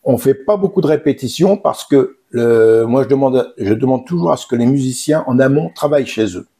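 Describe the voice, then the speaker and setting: A man, a singer from western France, chatting in an interview in a relaxed, halting way with many fillers and restarts. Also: mid-range voice, slightly rough. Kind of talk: casual interview chat.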